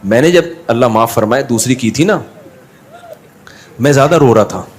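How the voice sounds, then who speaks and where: A middle-aged man telling anecdotes over a drawing video, animated and acting out other people's lines. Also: mid-range voice, normal speed, a little hiss or hum. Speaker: drawing channel host.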